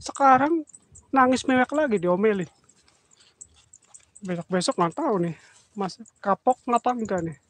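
A man's voice: high-pitched, animated, normal speed, long pauses, no echo. A man hosting a live stream, scolding a commenter in a teasing, repetitive way.

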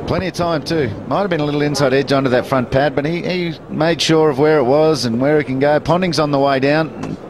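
A man commentating live cricket on TV, calmly explaining what the bowler is trying to do. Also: fairly high pitch, a little fast, hardly any pauses, a crowd in the background. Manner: analytical, explains the bowling. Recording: broadcast with clear noise.

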